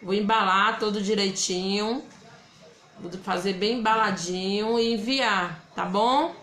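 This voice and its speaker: In an unhurried, medium-pitched and slightly bright voice, a Bahian woman with a Bahian Brazilian Portuguese accent presents a casual live craft demo. Chatty throughout, she says hello to viewers by name and reads their comments aloud against a roomy echo.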